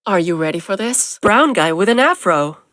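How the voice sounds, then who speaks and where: A woman's voice: mid-range voice, lively intonation, moderate pace, natural voice. A woman voicing a snarky young quiz-game host. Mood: teasing. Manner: snarky, teasing quiz-show delivery. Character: young female trivia host, sarcastic and exasperated. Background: game music.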